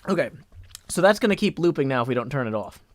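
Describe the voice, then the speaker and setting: Raspy-voiced male streamer, dry close mic. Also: mid-range voice, sing-song, quick pace, dry recording. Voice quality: raspy, strained put-on character voice. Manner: rambling, chatty, talks to chat while working on a build. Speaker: livestreamer. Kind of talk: casual livestream chat, reading out viewer comments. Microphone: boom microphone.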